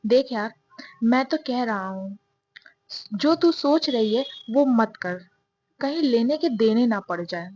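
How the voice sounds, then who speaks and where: A woman's voice: a little high, expressive, slow, long pauses, mellow, a little hiss or hum. A woman doing a cautious young college guy. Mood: casual. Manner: warning, casual. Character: cautious, easygoing young male college friend. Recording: dull, dry sound.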